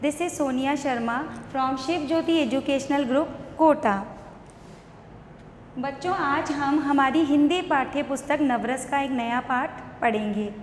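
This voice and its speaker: A woman with an Indian accent teaching young children an online lesson, spelling words slowly syllable by syllable. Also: high voice, a little hiss or hum. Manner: slow, syllable-by-syllable spelling aloud. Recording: echoey room with long reverb.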